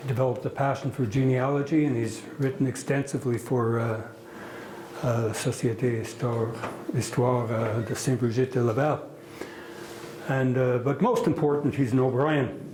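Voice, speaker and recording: An older man from Quebec City introducing a guest speaker to an audience with a relaxed, humorous anecdote. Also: mid-range voice, moderate pace, a little hiss or hum. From Quebec City, Canada. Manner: folksy anecdotal storyteller with easy humor. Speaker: event host introducing a speaker. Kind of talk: informal introduction at a heritage talk. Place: meeting hall with an audience. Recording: echoey hall.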